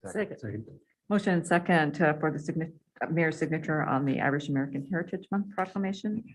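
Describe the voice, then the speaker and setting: A woman chairing a council meeting, moving briskly through motions and votes with small fillers. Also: sits low, rough recording. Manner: brisk procedural talk with fillers. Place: council chamber.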